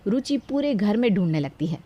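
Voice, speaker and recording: A woman narrating a cartoon story in a steady, scripted storytelling manner. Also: mid-range voice, a little fast, husky, muffled recording.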